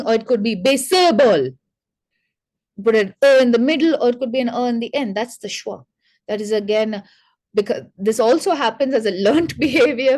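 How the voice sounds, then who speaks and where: A woman's voice: fairly high pitch, a little mellow. Woman speech therapist explaining to parents. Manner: explanatory, demonstrates speech sounds aloud; addresses listeners directly, conversational asides. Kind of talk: educational webinar talk to parents.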